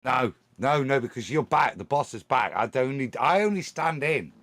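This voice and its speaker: A man's voice: medium pitch, expressive, moderate pace, fairly bright tone, no echo. A man with a Nottingham accent chatting casually as a stand-in co-host on a live panel. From Nottingham, England.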